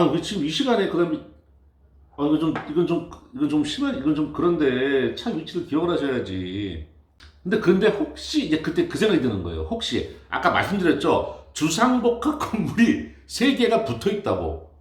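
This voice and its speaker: A man spins a worn-out workplace story in casual talk, his voice sitting a little high and leaping up and down with feeling. He acts out everyone he quotes, and the room around him rings with a noticeable echo. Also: moderate pace. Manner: animated, exasperated anecdote telling with acted-out quotes. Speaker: building facility manager.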